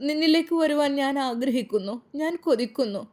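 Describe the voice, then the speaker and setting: A woman's voice: high voice, lively intonation, brisk, darkish tone. A broken, weeping widowed father, put on by a woman narrator for a spoken storybook. He pleads and sobs with a voice that keeps breaking, in a Malappuram Malayalam accent. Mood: grieving.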